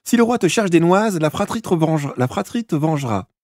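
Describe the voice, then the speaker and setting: A man's voice: on the high side, expressive, a little fast, darkish tone, no room sound, studio quality, voice pushed up, lightly acted. A man doing a bold, loyal big sister. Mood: earnest. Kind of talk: audiobook character voice.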